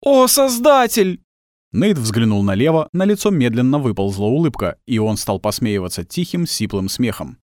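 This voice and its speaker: Male audiobook narrator: expressive, dramatic, dry studio sound. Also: fairly low pitch, a little fast, hardly any pauses, no room sound.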